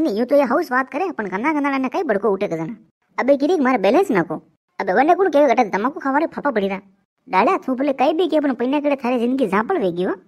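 Rajasthani woman for a comic cartoon, high, fast bantering delivery. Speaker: cartoon comedy voice actor. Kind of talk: comic dialect cartoon voicing.

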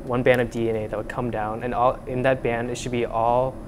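A man's voice: mid-range voice, level tone, a little fast, noisy background. A young man from Vietnam, an undergraduate researcher, explaining his lab work with frequent fillers and restarts, recorded on a lapel mic in a lab. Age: young adult. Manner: hesitant, many fillers and restarts. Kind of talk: casual explanatory interview. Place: university lab, indoors.

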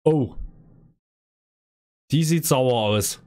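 A man's voice: medium pitch, very slow, darkish tone. A man giving casual let's play commentary on a horror game, a scared, jumpy streamer who talks to viewers and to the game's characters.

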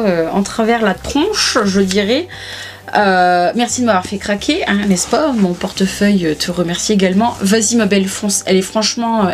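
A woman's voice: medium pitch, darkish tone. A woman, chatting casually to camera about her beauty purchases, with lots of hesitations and restarts. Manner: chatty, many fillers and restarts. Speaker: beauty vlogger. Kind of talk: casual haul chat to camera.

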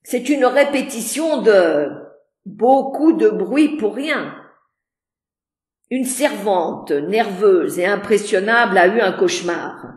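Woman reading a bossy gentleman, clipped orders, slow, echoey room. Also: medium pitch, lively intonation. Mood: forceful. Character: commanding brusque gentleman, middle-aged man. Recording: roomy echo.

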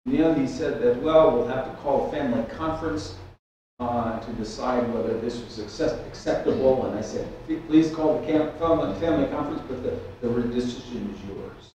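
An older pastor preaches a sermon from a lectern in a church hall with a stage and keyboard, telling a personal story with lots of restarts and animated hand gestures. His mid-range voice is a little fast and sounds distant, with slight hiss or hum. A stand mic and far camera catch him off mic in the echoey hall.

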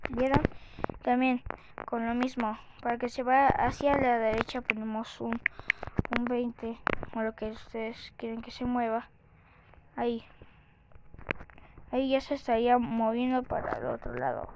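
A youthful-sounding woman giving a casual step-by-step game tutorial, halting as she thinks aloud. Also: on the high side. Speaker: tutorial host. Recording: muffled lo-fi mic with clicks and noise.

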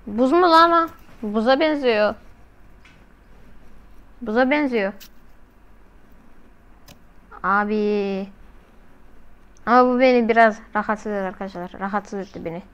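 A woman's voice: mid-range voice, moderate pace, pauses often, a bit bright, clear, resonant tone, lo-fi sound. A woman doing casual, slangy reaction commentary as a video host, often exclaiming.

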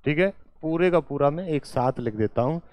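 A man teaching a class at a board, speaking slowly, repeating each point and answering his own questions. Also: fairly high pitch, animated, darkish tone, no echo. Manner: slow and repetitive, quizzing students with questions and answering them himself; calls the viewer "beta" and "my dear".

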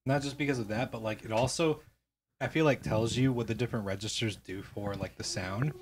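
A man in the band chatting casually while writing a song on a livestream, relaxed and halting, laughing often. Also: lowish voice, noisy background. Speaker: band member.

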